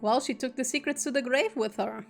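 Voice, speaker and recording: Female streamer, slightly high voice, reads game text aloud and drops quick jokey asides. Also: gravelly, soft background music. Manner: reads narration steadily, breaks off into joking asides. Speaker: streamer reading a visual novel aloud. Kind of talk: reading aloud with casual asides.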